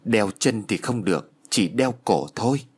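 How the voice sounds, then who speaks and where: A man's voice: fairly low pitch, sing-song, moderate pace, breathy edge. A man voicing a grim, mocking young man returned from death for revenge, in a spoken horror story. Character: vengeful young man back from the dead.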